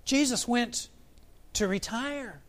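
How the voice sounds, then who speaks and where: High-voiced man preaching a sermon. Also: slow pace, a bit bright. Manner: reflective, asks the congregation questions, varies pace for emphasis. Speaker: pastor.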